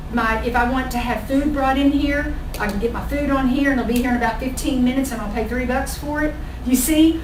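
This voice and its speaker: An American woman giving a motivational sales training talk as a business trainer, emphatic and often checking in with her listeners. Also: on the high side. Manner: emphatic, checks in with "okay?" and "all right?". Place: large indoor training room with audience. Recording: echoey room, distant mic, noisy background.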